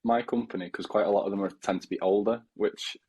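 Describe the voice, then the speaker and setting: Deep-voiced young man hosting a podcast. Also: fairly even intonation, fast talker, darkish tone, slight background noise. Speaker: podcast host. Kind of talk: casual podcast interview.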